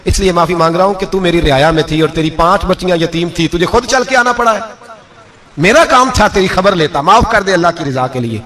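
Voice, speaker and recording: Stern pious ruler, high and ringing, humble but sharply scolding, put on by a male preacher. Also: brisk, pushed and bright. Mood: remorseful. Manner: remorseful, then sternly scolding.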